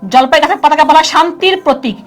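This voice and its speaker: Speaking fast in a high voice, a woman leads a live online class, chatting away and firing questions at her students over and over.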